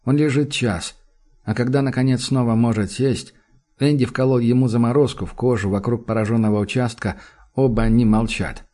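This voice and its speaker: A man reading a novel aloud in even storytelling narration. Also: medium pitch, a little fast. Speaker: audiobook narrator. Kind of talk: scripted narration.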